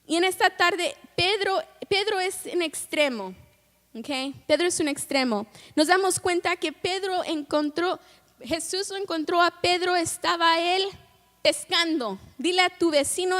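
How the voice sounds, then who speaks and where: Preaching in both Spanish and English, a woman with a high, slightly bright voice often asks her congregation questions and dramatizes scenes with quoted lines. The sound carries the long reverb of a church sanctuary.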